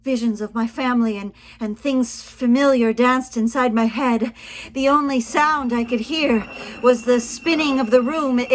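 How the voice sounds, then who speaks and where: A woman with a high voice reads a first-person memoir theatrically and with suspense, her delivery shifting between hushed and forceful. The recording is rough, with a little background noise.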